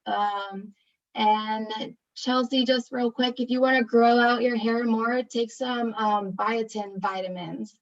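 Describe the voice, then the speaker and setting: A woman's voice: on the high side, steady tone, takes it slowly. A woman, an outreach case manager, chatting in a bubbly, talkative way on a video call. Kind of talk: casual chat. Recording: dull lo-fi call audio.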